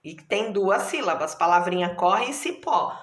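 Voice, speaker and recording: Speaking with a Brazilian Portuguese accent, this woman teacher leads a primary school class at an unhurried pace, stretching syllables and pausing frequently to check understanding. Her medium-pitched voice is expressive and carries noticeable reverb.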